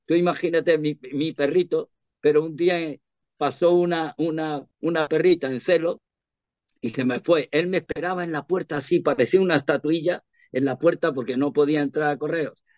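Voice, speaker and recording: Man, radio guest, lively rambling storyteller, fairly high pitch, muffled dry sound. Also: normal speed, no echo. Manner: animated, rambling, many restarts. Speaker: interview guest, performer. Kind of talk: casual anecdotal storytelling. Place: radio studio.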